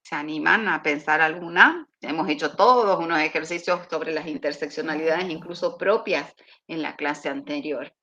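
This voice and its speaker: Argentine woman lecturing over a call. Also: low-pitched. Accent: Argentine Spanish. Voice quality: steady, explanatory, with thinking pauses. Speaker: university lecturer. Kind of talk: online seminar lecture. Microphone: video call. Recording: dull lo-fi video call audio.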